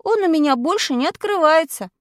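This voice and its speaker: A woman's voice: extremely high pitch, animated, a little fast, dry recording, studio quality, voice pushed up. A woman voicing a cheeky young schoolboy in a children's story, earnestly explaining himself.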